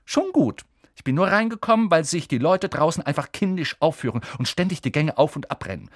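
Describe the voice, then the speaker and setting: A haughty schoolgirl lectures in a raised, prim voice, as a male narrator puts her on. Her tone is lively and scolding, recorded dry and close for an audiobook. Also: high voice, normal speed, dry recording, voice pushed up, exaggerated voice. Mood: bossy. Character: bossy know-it-all schoolgirl.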